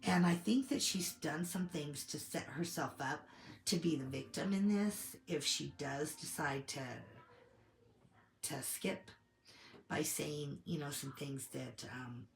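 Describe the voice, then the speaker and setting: A low-voiced woman, still a bit hoarse as she recovers from a cold, works through her opinions in a measured way, as if thinking aloud. She comes across like a casual commentary host, and the recording has a roomy echo.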